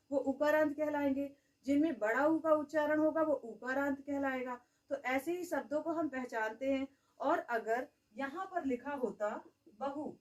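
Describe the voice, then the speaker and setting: High-voiced woman teaching a grammar lesson. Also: far from the mic, rough recording. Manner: asks the class questions and answers them herself; says "okay" often.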